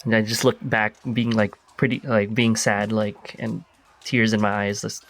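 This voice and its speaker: A man's voice: on the low side, little pitch movement, moderate pace, a bit bright. A man playing a tabletop game, describing his character's actions in a rambling way. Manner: rambling, frequent "like". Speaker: player. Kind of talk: in-character narration.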